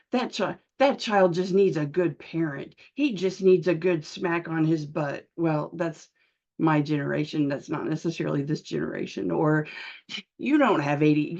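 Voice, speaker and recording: A middle-aged woman physician giving a webinar presentation, heard as screen-recorded video call audio, talking in a halting way with many filler sounds and restarts. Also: sits low, a little mellow, muffled recording.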